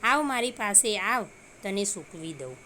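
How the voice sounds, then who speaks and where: A woman voicing a kindly old grandfather sun in a children's story, speaking gently and affectionately. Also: medium pitch, sing-song, measured pace, a little hiss or hum. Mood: tender.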